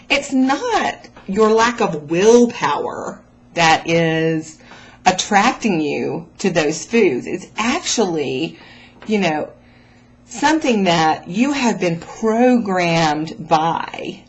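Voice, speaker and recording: With a slightly rough voice on the low side, a woman who runs a raw food vlog speaks directly to her audience. Her tone is casual and motivating, full of encouraging emphasis.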